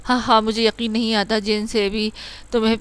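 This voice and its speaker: A woman's voice: on the high side, little pitch movement, a bit bright, clear, resonant tone, lightly acted. A woman voicing a joking young man, the younger brother, in an audio novel. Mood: teasing.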